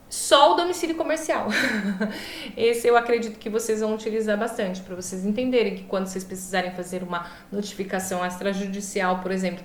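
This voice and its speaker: Female Brazilian lecturer, slightly high voice, swollen-lip speech, informal explaining with self-corrections, roomy echo. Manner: stumbles on long words and corrects herself, checks in often. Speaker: law teacher. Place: echoey room, online class. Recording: echoey room.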